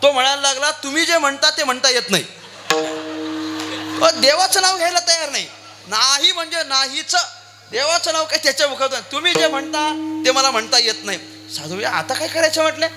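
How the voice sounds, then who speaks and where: A man's voice: very high voice, lively intonation, brisk, over music. A man preaching a devotional kirtan sermon, telling a story and acting out its dialogue.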